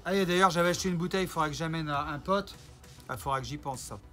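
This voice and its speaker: A man's voice: a little high, fast talker, a bit bright, faint music behind. A man ranting in a casual vlog, mocking and rambling, with theatrical asides to his viewers. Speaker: YouTuber.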